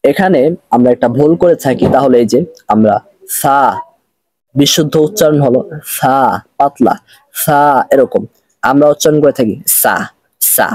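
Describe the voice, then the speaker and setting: A man's voice: mid-range voice, moderate pace, pauses often, darkish tone, dry recording. A man with a Bangladeshi accent teaching Arabic reading, spelling out letters one by one and repeating each drill. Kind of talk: slow recitation lesson.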